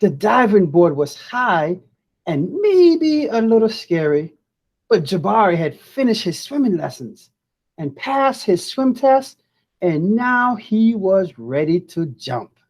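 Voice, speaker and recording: A woman reading a children's storybook aloud expressively and deliberately, pausing to chat to viewers. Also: mid-range voice, very animated, a little mellow.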